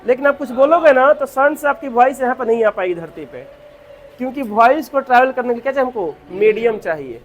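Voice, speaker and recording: With faint music behind him, a man teaches a physics class in a very high-pitched, expressive voice. He asks his students questions, answers them himself, and dictates notes slowly with many repetitions.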